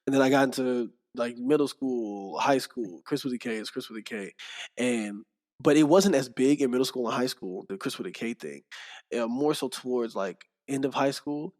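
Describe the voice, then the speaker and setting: A young man, a podcast guest, telling stories in casual chat, animated and laughing often as he acts out what people said. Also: mid-range voice, moderate pace.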